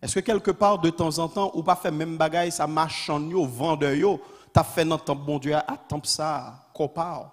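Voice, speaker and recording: A man's voice: on the high side, fairly even intonation, moderate pace. A man preaching a fiery sermon as a pastor, repeating his calls in a rising, insistent cadence. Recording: long hall reverb.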